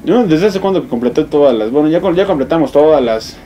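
Excitable young Mexican gamer swearing. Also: male voice, a little high, fast, a little hiss or hum. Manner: excitable, swears a lot, yelps and exclaims. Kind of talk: let's play commentary.

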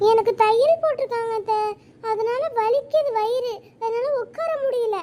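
A woman's voice: very high-pitched, moderate pace, mellow. A woman voicing a timid, obedient young village mother in a cartoon. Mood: meek. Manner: meek, obedient. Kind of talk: cartoon voice acting.

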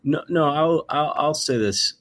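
A man in his forties, a podcast guest talking in an emphatic, animated way, sometimes acting out what people say. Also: on the high side, unhurried. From United States. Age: 40s. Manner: emphatic, animated storyteller who acts out quotes. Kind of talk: conversational interview.

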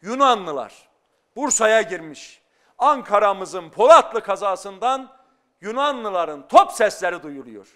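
High, clear-voiced earnest male scholar. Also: very animated, slow, fairly bright tone. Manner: earnest, rising into fervent emphasis. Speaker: guest scholar. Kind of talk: explanatory talk-show commentary. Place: television studio.

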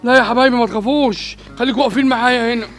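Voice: mid-range voice, fairly even intonation, racing, a bit bright, faint music behind, close to an everyday voice. A performer playing a panicky household worker and father with an Egyptian Arabic accent, pleading and jittery in a comedy skit.

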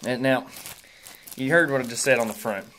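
Casual vlogger: easygoing twenties male, Southern Kentucky accent, medium pitch, musing around a pipe held in his mouth. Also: moderate pace, bright, forceful tone, a little hiss or hum, poor audio. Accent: Kentucky Southern American. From Kentucky, United States. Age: 20s. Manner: laid-back, musing, folksy. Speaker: pipe-smoking reviewer. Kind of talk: casual rambling review vlog. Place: small room indoors. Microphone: phone at arm's length.

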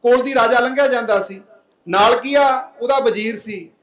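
A man speaks in a very high voice to a seated village crowd. He talks plainly and earnestly, putting rhetorical questions to his listeners and telling a folk parable. His voice rings through an echoey public-address sound. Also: moderate pace, fairly bright tone. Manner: earnest, plain-spoken exhorting. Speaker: speaker at a public anti-drug meeting.

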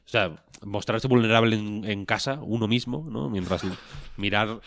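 A man's voice: fairly low pitch, normal speed, vocal fry, fairly bright tone. A man, co-hosting a podcast in casual chat, rambling and joking with a lot of swearing. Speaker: podcast co-host.

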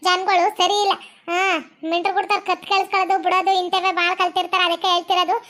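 A woman's voice: very high-pitched, flat delivery, fast talker, bright, forceful tone. A woman playing a bossy village woman who insists on her advice, in a village family drama. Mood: insistent.

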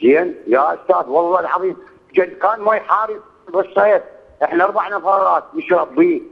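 A man's voice: sits high, fast, vocal fry, phone-quality sound. A man in his sixties with an Iraqi accent, calling in to a radio show and pleading about his hardship, swearing oaths and repeating himself. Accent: Iraqi Arabic. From Iraq. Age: 60s. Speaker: caller. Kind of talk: call-in radio complaint. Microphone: phone line.

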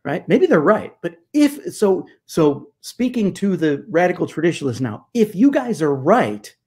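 Animated middle-aged man on a video call. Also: high voice, normal speed, breathy edge. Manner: animated, gestures with hands, emphatic rhetorical questions. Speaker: guest church historian. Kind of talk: conversational interview over video call. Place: home study with bookshelves. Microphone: video call webcam.

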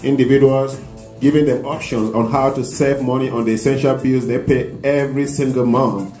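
A middle-aged man with a Cameroonian accent, a guest promoting his business in a studio interview, earnest and careful as he spells details out slowly into a handheld mic. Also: medium pitch, fairly even intonation, mellow, reverberant, faint music behind. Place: small studio set with couches.

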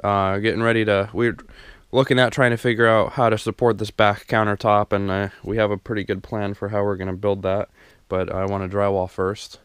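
A young man with a lowish, slightly bright voice rambles through a tour of his unfinished basement renovation, full of ums and restarts, speaking a little fast with hardly any pauses and little pitch movement. He's a DIY home renovation vlogger filming on a handheld camera mic as he walks. The tone is clear and resonant, with no echo.

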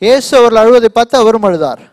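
A man interpreting a sermon live, quickly and fluently rendering each phrase right after the preacher. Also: extremely high pitch, animated, darkish tone.

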